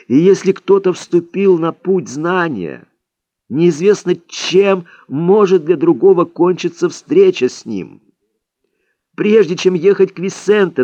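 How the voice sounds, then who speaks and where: Man doing an exasperated old male sage; raised pitch, slow emphatic delivery, wide swings. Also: a little mellow, no echo, highs cut off. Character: stern old male Indian sage, scolding.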